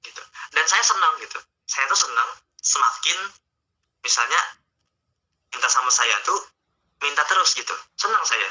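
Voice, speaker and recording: A man's voice: fairly high pitch, lively intonation, normal speed, long pauses, bright, forceful tone. A male Islamic teacher giving a casual online religious talk, speaking conversationally and coaxing his listeners directly. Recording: dull lo-fi online stream audio.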